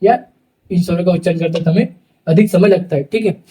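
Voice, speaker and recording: A young male teacher giving a lecture, dictating slowly and repeating phrases word by word so students can write them down. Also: high-pitched, mellow, far from the mic, poor audio.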